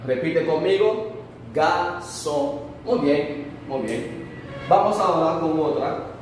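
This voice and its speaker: A man with a slightly high voice gives a slow, patient language lesson and repeats each word for the listener to echo. He sounds a good way from the microphone, in a very echoey room with a long reverb tail. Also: animated, far from the mic, a little hiss or hum. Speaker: language teacher.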